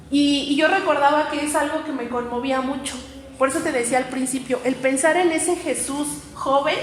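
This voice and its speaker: A woman's voice: high-pitched, slight background noise. A woman preaching to young people in an earnest, conversational way, full of fillers. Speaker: youth preacher. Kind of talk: youth sermon. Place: church hall. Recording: echoey hall with faint ambience.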